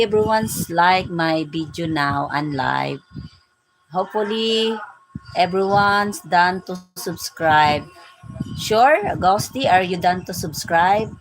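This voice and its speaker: A woman's voice: medium pitch, a little hiss or hum, poor audio. A Filipino woman in her forties hosting a casual live-stream vlog, greeting her viewers with a repeated "my dear, my friend". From Philippines. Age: 40s.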